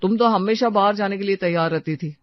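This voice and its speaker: Gentle cartoon husband, voiced by an actor. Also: medium pitch, brisk, no echo, lightly acted. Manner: gentle, coaxing. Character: caring young husband, gentle and patient. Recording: dry, slightly dull lo-fi sound.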